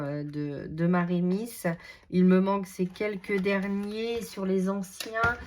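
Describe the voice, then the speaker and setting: Slow, low-voiced woman showing craft books. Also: a little hiss or hum. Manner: hesitant, many fillers, enthusiastic repetitions. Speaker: craft channel host. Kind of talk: casual product show-and-tell.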